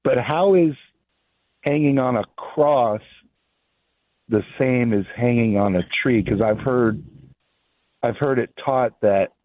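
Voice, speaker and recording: A man calling in to a radio show over the phone, asking his question haltingly with fillers and restarts. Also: medium pitch, no room sound. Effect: phone line call-in. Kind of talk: call-in question. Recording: tinny phone line.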